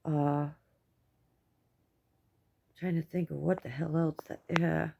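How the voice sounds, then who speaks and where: A woman's voice: sits low, fairly even intonation, takes it slowly, gravelly, darkish tone. A middle-aged American woman with toothless speech, giving a rambling, candid personal update in casual, coarse words. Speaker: vlogger.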